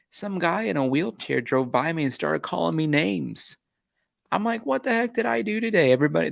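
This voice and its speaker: A man with a gravelly, fry-touched voice talks casually to his livestream audience. His story rambles and restarts, with an exasperated tone. The close mic gives a dry, flat sound. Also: mid-range voice, no echo. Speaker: YouTube true-crime channel host.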